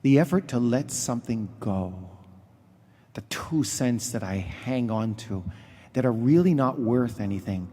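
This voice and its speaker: Male priest for a homily: medium pitch, very unhurried, halting delivery, long church reverb. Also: animated, mellow. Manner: halting, pausing mid-sentence.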